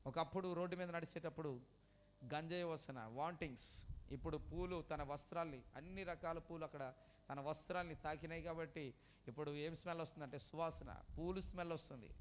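A man preaching an emotional storytelling sermon. He repeats phrases, asks the congregation questions, and swings from loud cries to hushed lines. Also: on the high side, a little fast, slight background noise.

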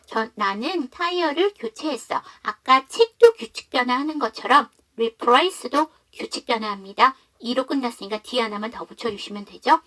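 A woman teaching an online English lesson who explains patiently and reads example sentences slowly. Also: a little high, expressive, a bit bright.

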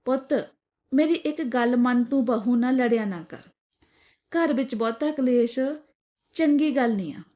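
A woman voicing a patient elderly mother who softly pleads with her son in a storybook tale. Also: on the high side, a little slow, highs cut off, natural voice. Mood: pleading. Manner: soft, placating. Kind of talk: storybook dialogue reading.

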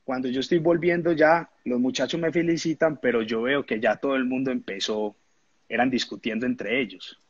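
A man, a former footballer telling animated anecdotes in a casual interview, often laughing and acting out the people he quotes. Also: medium pitch, moderate pace, slightly rough, dry recording, highs cut off.

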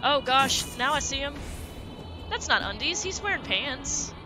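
Woman game streamer, lively swooping pitch, casual banter, game music behind. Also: unhurried.

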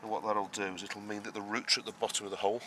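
His voice is lowish with little pitch movement, and he talks at a racing pace while touring his vegetable allotment on camera. This gardener and show host rambles through his planting in steps, restarting often and leaning on fillers. The outdoor audio is noisy, with rural sounds in the background.

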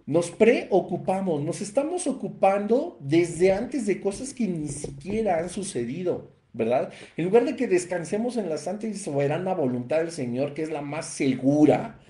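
A man's voice: high voice, lively intonation, moderate pace, dark tone, reverberant. A man preaching a Bible teaching, emphatic and repeating phrases for stress. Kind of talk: sermon-style Bible teaching.

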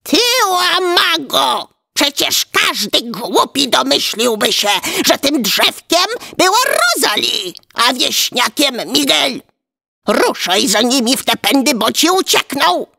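A woman voicing a shrill scolding witch wife. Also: sing-song, slow pace, gravelly, sharp tone, no room sound, studio quality, heavily acted. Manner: shrieking, berating.

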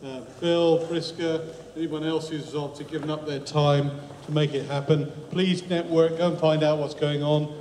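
A man hosts a community tech event, making brisk, practical announcements. His voice sits a little high and stays flat in pitch. The sound rings with a long hall reverb and faint room noise. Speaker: event organiser and host. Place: large echoey hall.

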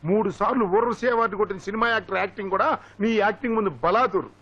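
An actor playing a quick-tempered older father who shouts threats and mocks his wife's acting. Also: high voice, highs cut off. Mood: mocking. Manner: loud shouting and mocking. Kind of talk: TV serial comedy acting.

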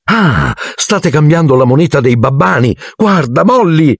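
A man voicing an excitable, enthusiastic middle-aged wizard father. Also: sits low, moderate pace, breathy edge, no room sound, studio quality. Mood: excited. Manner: excited, indignant bursts.

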